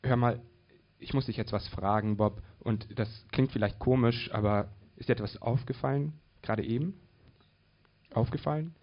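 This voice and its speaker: Male reader doing a cold, mysterious businesswoman, insistent and loud, muffled lo-fi sound. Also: medium pitch, moderate pace, close to an everyday voice. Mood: urgent. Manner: urgent, insistent questioning. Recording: dull lo-fi recording.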